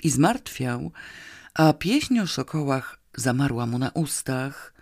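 An audiobook reader narrating a comic novel in a slow, measured, expressive way. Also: medium pitch, dry recording, clean studio sound.

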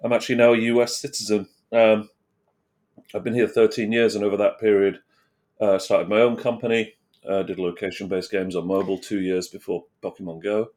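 A man's voice: fairly low pitch, level tone, fairly quick, darkish tone. A middle-aged man with a British accent, chatting casually as a guest in an interview. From United Kingdom. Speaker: interview guest, game developer. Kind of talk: casual chat.

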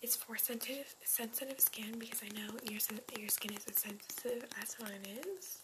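A woman doing a whispered role-play as a caring best friend giving a facial, in a soft, breathy spa whisper. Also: on the high side, fairly even intonation, normal speed. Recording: very noisy recording with clicks.

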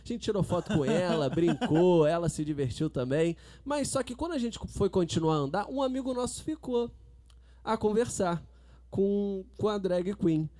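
High-voiced man telling a story. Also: normal speed. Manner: animated, laughs while telling a story. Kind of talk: casual storytelling chat.

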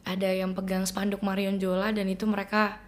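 A woman's voice: medium pitch, completely flat delivery, brisk. Earnest young woman singer telling her story. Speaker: guest singer. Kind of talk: casual interview chat.

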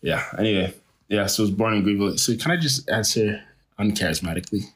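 Deep husky-voiced man, animated. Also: fast talker. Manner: animated, laughs often, restarts. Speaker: travel photographer. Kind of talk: casual interview chat.

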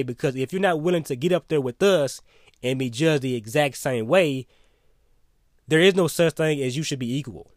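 A man's voice: on the high side, no echo, studio quality. Blunt, emphatic man giving opinions. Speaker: opinion commentator. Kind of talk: solo opinion monologue.

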